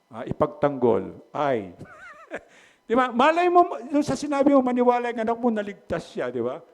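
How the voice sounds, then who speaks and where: A man's voice: extremely high pitch, huge pitch swings, normal speed. Man preaching in conversational style. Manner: conversational, asks the congregation "di ba?" often; jokes lightly with the congregation. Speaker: pastor. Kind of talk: sermon with closing prayer.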